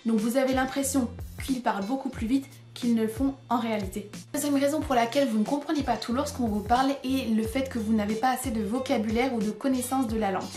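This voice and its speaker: A French-speaking woman giving a clear, explanatory video lesson on English listening and pronunciation, demonstrating English words. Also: a little high, steady tone, quick pace, hardly any pauses, mellow. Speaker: English teacher. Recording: echoey room with faint music.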